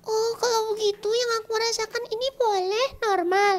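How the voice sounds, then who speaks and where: A man's voice: very high-pitched, steady tone, moderate pace, fairly bright tone, voice pushed up. A man voicing a timid, childlike little turtle that cries in an exaggerated, sing-song way for a children's story. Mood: relieved. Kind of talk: storytelling with puppet voices.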